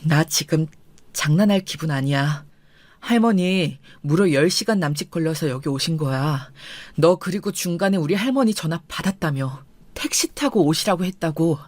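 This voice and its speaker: A woman voicing an angry young husband who speaks in a lowered, firm, cold tone. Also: dry recording, natural voice.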